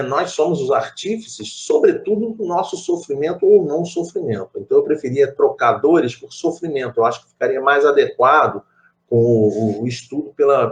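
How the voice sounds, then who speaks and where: Middle-aged carioca guy leading a study group, chatty, loops back on his words a lot. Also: mid-range voice. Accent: Rio de Janeiro Portuguese. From Brazil. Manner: anecdotal and reflective, with many asides and repeated phrases. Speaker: spiritist study group leader. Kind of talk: conversational group study talk.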